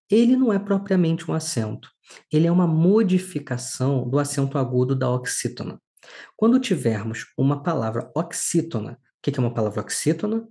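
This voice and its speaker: Man, teacher, mellow tone, careful clear explanations. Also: a little high. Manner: explains slowly and clearly, stresses syllables. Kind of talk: recorded lesson.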